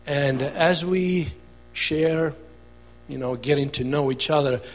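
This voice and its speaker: A man from Albania with an Albanian accent, speaking as a guest at a church service and sharing his testimony in an earnest, halting way with many fillers. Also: fairly high pitch, big-room sound, soft background music.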